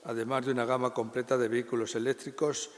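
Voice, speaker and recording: A man's voice: mid-range voice, little pitch movement, fast. A man moderating a round table, reading bios with hesitant fillers. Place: university conference hall. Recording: long reverb in a lecture hall.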